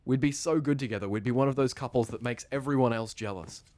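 An actor playing a soft-spoken young man whose hesitant affection turns obsessive and frantic. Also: medium pitch, quick pace, natural voice. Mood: pleading. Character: lovesick young man turning obsessive and violent. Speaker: actor in an audio drama.

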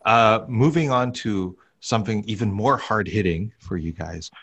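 A male podcast host with a husky, somewhat low voice. He prompts his guests with questions and steers the chat from topic to topic. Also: normal speed, a bit bright, lo-fi sound. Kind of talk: casual interviewing.

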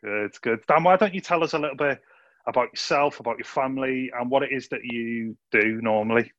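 A man's voice: medium pitch, fairly quick, fairly bright tone, no room sound. Male youth host, chatty and upbeat, dry lo-fi video call sound. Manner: chatty, upbeat, calls people mate. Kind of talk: casual video call interview. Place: living room.

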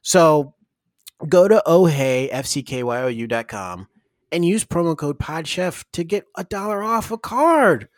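A man's voice: fairly high pitch, lively intonation, a little slow, dry recording, clean studio sound. A man co-hosting a podcast, joking and mock-exasperated as he riffs through a comedic ad read and banter. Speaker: podcast co-host reading a sponsor ad.

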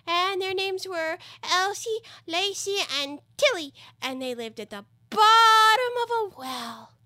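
A woman voicing a sleepy, sulky storybook dormouse in a feeble, hoarse, drawling voice. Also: lively intonation, bright, forceful tone, no room sound, clean studio sound, exaggerated voice. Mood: drowsy storytelling. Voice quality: hoarse, feeble, high-pitched. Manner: slow, drawling, drowsy.

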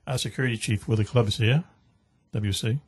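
A man's voice: lowish voice, moderate pace, slightly rough. A man with a Boston accent hosting a radio talk show, rambling and joking with plenty of fillers.

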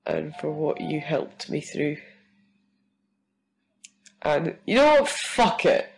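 A woman's voice: deep voice, very animated, takes it slowly, gravelly, a little mellow, low-quality recording. A woman with a cold, leaving a heartfelt, sweary voice message for a host. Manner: heartfelt, sweary, laughing through tears. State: full of a cold, rough-sounding. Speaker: listener sending a voice message.

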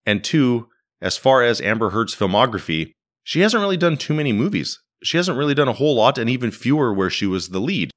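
A man's voice: mid-range voice, big pitch swings, fairly quick. A man hosting a podcast in casual, wry conversational commentary, recorded in a living room. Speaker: podcast host. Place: living room used as a home studio.

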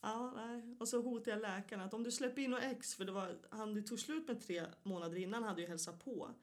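A woman, a guest in a casual interview, telling stories with frequent laughter and acted-out voices. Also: fairly high pitch.

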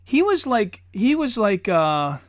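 A man in his thirties, a father and podcast co-host, telling stories in lively casual chat, swearing often and acting out quotes. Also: high voice, slow, dry recording, studio quality. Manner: animated storyteller, swears often, acts out quotes.

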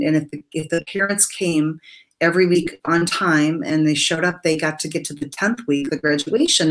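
A woman's voice: low-pitched, rough recording. A middle-aged woman telling an earnest, emotional story as a guest speaker in an interview, with many fillers.

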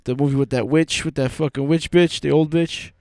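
A man's voice: fairly high pitch, steady tone, brisk, darkish tone, dry recording, clean studio sound. A man hosting a podcast in a casual, informal chat style. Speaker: podcast host.

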